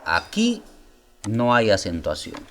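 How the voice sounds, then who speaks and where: A man presenting a software tutorial, explaining step by step and asking viewers rhetorical questions. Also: on the low side, huge pitch swings, takes it slowly. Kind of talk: screen-recorded software tutorial.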